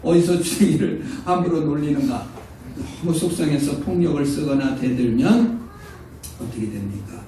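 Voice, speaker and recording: A man's voice: a little high, normal speed, a little hiss or hum. A preaching man in an echoey church. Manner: animated preaching, acting out quoted voices, swings between loud and hushed. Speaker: pastor. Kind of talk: sermon. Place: church sanctuary. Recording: distant echoey church room.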